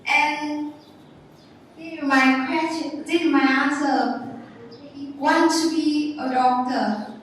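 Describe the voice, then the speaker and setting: A woman's voice: high voice, steady tone, slow pace, pauses often, a little hiss or hum. A young woman with a Vietnamese accent giving a class presentation, reading out answers carefully and calling on classmates. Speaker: student presenter. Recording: echoey classroom hall from far off.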